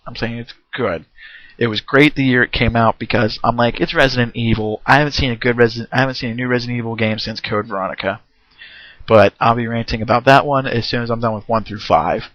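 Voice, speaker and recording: A man's voice: mid-range voice, fairly even intonation, fast, fairly bright tone, no room sound. Rambling man giving a lo-fi game review. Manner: rambling, with many fillers and restarts; frequent throat clearing. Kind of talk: casual spoken game review. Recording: dull, lo-fi home recording.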